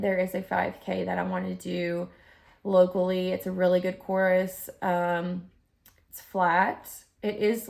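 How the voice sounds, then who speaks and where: Chatty woman vlogger with a creaky voice. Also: fairly low pitch, a little mellow. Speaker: fitness vlogger; group fitness instructor. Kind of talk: casual rambling vlog chat.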